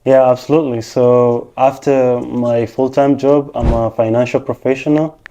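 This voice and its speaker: This interview guest from Rwanda speaks at a moderate pace in a mellow, mid-range voice with a level tone. He works as a technician and financial professional and answers casually, walking through each point patiently and explanatorily.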